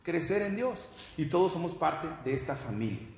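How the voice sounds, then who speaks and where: A man's voice: fairly high pitch, big pitch swings, normal speed, vocal fry, darkish tone. A man preaching a sermon as pastor, emphatic and calling out "hermano" to his listeners. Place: church hall. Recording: echoey church hall, faint noise.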